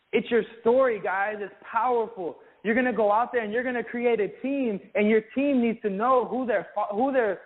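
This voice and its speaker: A man leading an energetic business training talk, who keeps calling his listeners "guys". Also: extremely high pitch. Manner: energetic, keeps saying "guys", acts out sample calls. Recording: tinny phone-like sound.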